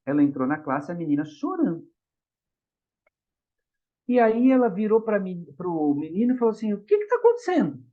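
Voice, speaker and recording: A middle-aged man with a Brazilian Portuguese accent giving a spiritist lecture, telling stories and acting out the voices in them. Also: on the high side. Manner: animated storytelling, acts out quoted voices. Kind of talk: public lecture on the gospel. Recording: dull lo-fi recording.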